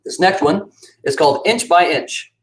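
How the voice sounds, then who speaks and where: Speaking at a moderate pace, a man at home moves from a casual aside into a dramatic reading of poems he wrote himself, with marked pitch swings.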